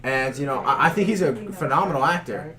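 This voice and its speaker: A man hosting a casual group movie discussion, excitable and quick to cut in on others. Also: medium pitch, far from the mic. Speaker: podcast host. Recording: group chatter around the voice.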